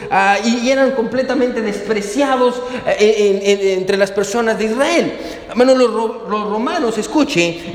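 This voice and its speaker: A male pastor preaches with fervent drive, often breaking into small chuckles as he addresses his congregation. His voice sits high for a man. The sermon rings through a roomy church hall with a long, trailing reverb. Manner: fervent, repeats "hermano" and "amén", chuckles often.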